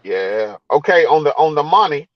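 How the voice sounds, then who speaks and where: A man's voice: a little high, very animated, moderate pace, no echo, lo-fi sound. A man hosting a casual car chat, laid-back and drawn out, repeating his phrases. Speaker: host.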